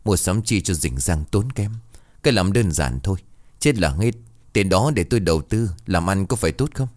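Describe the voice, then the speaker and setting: A man's voice: low voice, expressive, moderate pace, darkish tone, no room sound, studio quality. A man voicing a drunk, callous husband who talks in a rude, dismissive snarl in a storybook tale. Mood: scornful.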